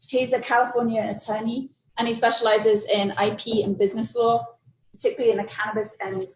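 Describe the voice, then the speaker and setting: A woman organizing the program introduces a guest speaker in a relaxed way, with filler ums. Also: fairly high pitch, fairly quick. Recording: roomy with faint background hum.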